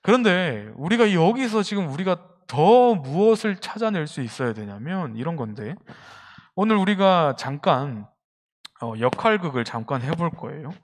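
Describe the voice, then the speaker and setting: A man's voice: on the high side, sing-song, normal speed. A young man preaching a youth sermon in a church hall, engaging the congregation with questions. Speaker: youth pastor.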